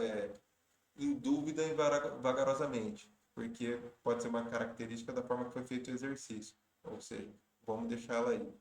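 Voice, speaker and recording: A man teaching Portuguese grammar for exam prep. He works through each question step by step, patiently, and often stops to correct himself. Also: medium pitch. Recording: roomy echo.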